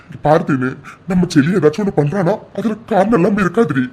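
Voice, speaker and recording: A man voicing a husky village uncle. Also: sits high, animated, quick pace, darkish tone. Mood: comforting. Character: humble uneducated village uncle, proud and loving. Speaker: uncle of the family. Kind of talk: cartoon voice acting.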